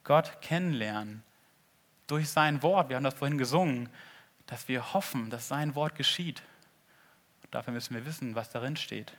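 A man preaching a sermon in an earnest way, swinging between loud appeals and hushed asides. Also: mid-range voice, normal speed. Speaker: pastor.

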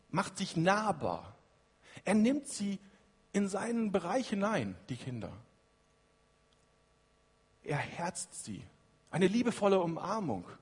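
A man preaching a sermon in a lively way, moving between loud emphatic lines and hushed quiet ones. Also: high-pitched, breathy edge, long reverb tail.

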